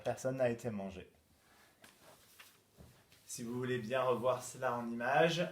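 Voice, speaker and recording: A male teacher giving a home-schooling lesson to young children, explaining a puzzle slowly and clearly, then speaking to parents. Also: mid-range voice, a little hiss or hum. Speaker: kindergarten teacher.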